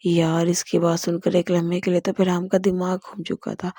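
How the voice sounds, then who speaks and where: A woman's voice: on the low side, monotone, mellow, dry recording. A woman narrating a romance novel in a casual, unpolished storytelling style. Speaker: novel reader.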